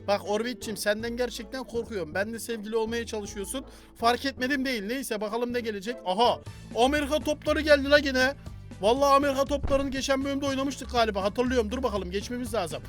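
High-pitched, fast-talking young gamer. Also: male voice. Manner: loud, joking, talks to the game characters. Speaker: gaming YouTuber. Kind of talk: excited gameplay commentary.

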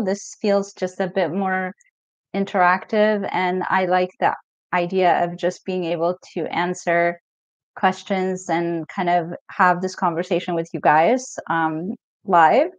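A middle-aged Ethiopian woman, a mental health coach, runs a relaxed live-stream Q&A, reading viewer comments aloud with plenty of fillers. Her mid-range voice comes through dull, lo-fi, and dry.

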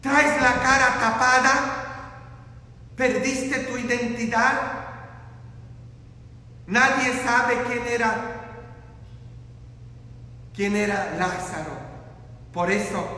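Priest, man, high bright voice, slow impassioned sermon full of rhetorical questions; very roomy church reverb. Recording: echoey church with long reverb.

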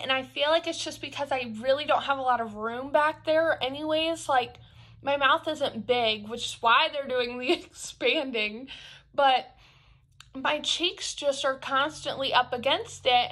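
A woman's voice: high voice, a bit bright. A young woman vlogger chatting casually to camera, her speech a little altered by braces and a palate expander, rambling with lots of fillers.

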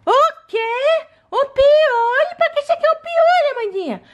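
A woman's voice: very high voice, expressive, a little slow, dull audio. A woman voicing a fussy, lecturing doll girl who refuses to share, in a toy play video.

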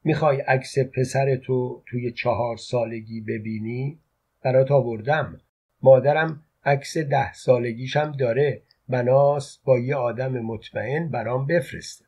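Tender woman, an old flame, read by a husky man. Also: medium pitch, steady tone, a little mellow. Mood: pleading.

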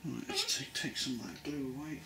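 A middle-aged English man giving a relaxed modelling tutorial at his workbench, thinking aloud with many pauses and ums. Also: mid-range voice, noisy background. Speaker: model railway builder. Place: workbench at home.

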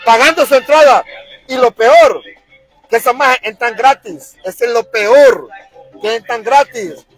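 A man's voice: very high-pitched, a little slow, soft background music, low-quality recording. A man with a Honduran accent ranting as a football fan vlogger, fired-up and crude, repeating himself. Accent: Honduran Spanish. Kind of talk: angry fan rant to camera.

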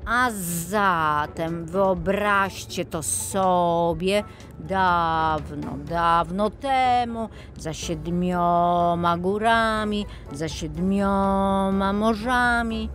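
Voicing a dreamy toy digger, a woman acts out a children's audio tale, telling history as if it were an old fairy tale. Her voice is on the low side and a bit bright, delivered very slowly over soft background music.

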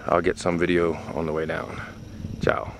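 Man, middle-aged, lowish voice, casual hiking commentary, camera mic, heavy wind noise. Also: normal speed. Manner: relaxed, rambling, talks to camera while walking. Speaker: hiker filming himself. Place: outdoors on a windy mountain top. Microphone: handheld camera mic.

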